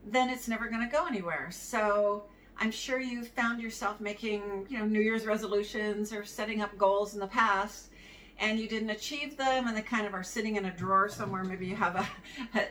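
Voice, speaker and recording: A middle-aged practice management consultant gives a solo advice talk to camera about running a practice, easygoing and conversational with occasional chuckles. Her medium-pitched voice is steady and fairly bright at a moderate pace. She sits a little back from the mic, with a faint hiss in the background.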